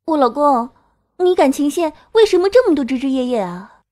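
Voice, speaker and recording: A woman's voice: high voice, lively intonation, normal speed, a little mellow, no room sound, studio quality. A woman voicing a nineteen-year-old girl who dotes on her lover and teases him in a sweetly demanding way. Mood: teasing. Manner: teasing, clingy, sweetly demanding. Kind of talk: audio drama acting.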